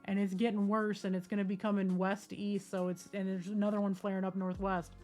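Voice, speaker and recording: A woman's voice: medium pitch, flat delivery, fairly quick, darkish tone, faint music behind. A woman chatting casually to her live-stream viewers from a desk at home, talking straight to them. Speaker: livestreamer. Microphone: desk microphone.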